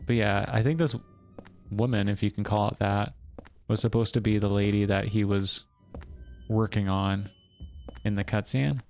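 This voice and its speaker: A man's voice: fairly low pitch, fairly even intonation, normal speed, creaky, long pauses, darkish tone, soft background music. A man streaming a horror game live, giving casual, rambling commentary full of fillers and chuckles.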